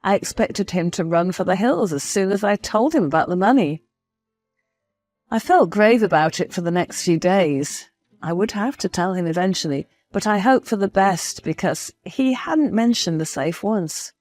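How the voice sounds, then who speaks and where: A woman's voice: medium pitch, expressive, normal speed, darkish tone, soft background music. A woman narrating a first-person story in a confiding, storytelling manner.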